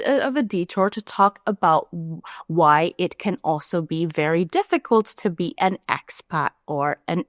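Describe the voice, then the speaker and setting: Chatty young woman from India, dry sound. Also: dry recording. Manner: chatty and candid, lively rises in pitch. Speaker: vlogger. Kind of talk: casual talk to camera.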